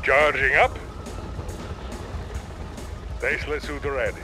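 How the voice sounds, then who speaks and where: A man's voice: mid-range voice, steady tone, slow pace. A man playing a Soviet electric-weapon trooper, giving short readiness barks in a video game. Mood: ready. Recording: loud game music, gunfire behind.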